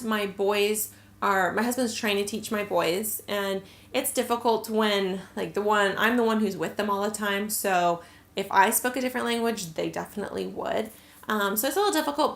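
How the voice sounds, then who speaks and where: With a gravelly, somewhat bright mid-range voice, a young adult American vlogger casually answers questions to camera, full of "like" and "um" fillers. The recording sounds roomy.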